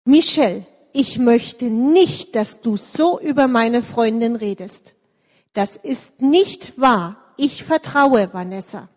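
A woman voicing an upset, loud schoolgirl. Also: sits high, expressive, normal speed, hardly any pauses, in a large hall, voice pushed up. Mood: firm. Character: upset schoolgirl, friend who trusts.

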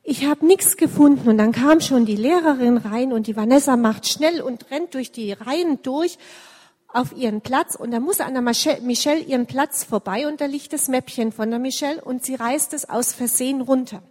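A woman telling a children's story in church, lively and speaking directly to the kids. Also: sits high, normal speed, in a large hall.

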